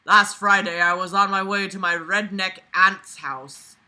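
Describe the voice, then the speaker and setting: A woman hosting a reading-and-reacting video reads a story aloud, breaking in with incredulous, sweary, theatrical commentary, animated outbursts and sarcastic asides. Her voice is mid-range, at a measured pace.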